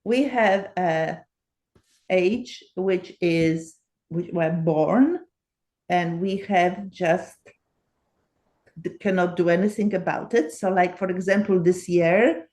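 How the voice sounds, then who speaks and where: Slow and low-pitched, her voice darkish, a woman in her seventies chats casually as an interview's guest researcher. Her earnestness shows in repeated words for emphasis, and her phrasing is non-native.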